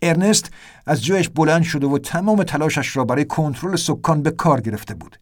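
A man narrating an audiobook in a tense, vivid way. His voice sits slightly high for a man, and his delivery is steady and dramatic throughout.

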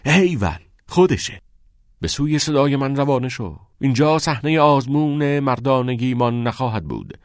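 A man voicing an eager, theatre-mad teenage boy who talks in quick, excited bursts. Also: medium pitch, no room sound, studio quality, voice pushed up, natural voice. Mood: playful.

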